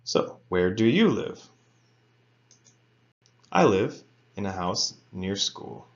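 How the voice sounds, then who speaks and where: A man teaching an English grammar lesson to students, reading example sentences slowly and carefully. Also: lowish voice, very animated, lo-fi sound. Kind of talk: recorded lecture for students.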